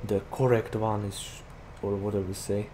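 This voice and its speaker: Rambling and chatty, a young Slovak-accented gaming YouTuber talks through his gameplay with plenty of "like" fillers. His slightly low, warm voice holds little pitch movement at a moderate pace. Clear engine and vehicle noise from the game runs beneath his desk-mic recording.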